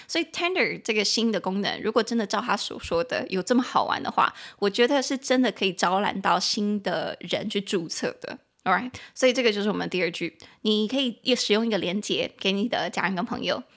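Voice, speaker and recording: A young Taiwanese woman hosts a chatty English-lesson podcast, her mid-pitched voice carrying a gravelly edge. She talks quickly and casually, then slows right down to spell out words letter by letter and repeat them. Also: fairly bright tone. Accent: Taiwanese Mandarin. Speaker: podcast host teaching English. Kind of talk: casual bilingual language lesson.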